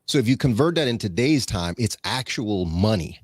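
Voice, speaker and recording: A Bahamian man with a very deep, slightly mellow and breathy voice rambles through his thoughts as a guest in a casual interview, at normal speed with lively intonation. He restarts often, leans on fillers, and drifts into a preacherly tone, citing scripture. The sound is close and dry, with no echo or room around it.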